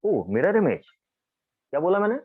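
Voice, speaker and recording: A man teaching chemistry in a classroom lecture, lively, often asking students questions. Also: high voice, moderate pace, husky, phone-quality sound.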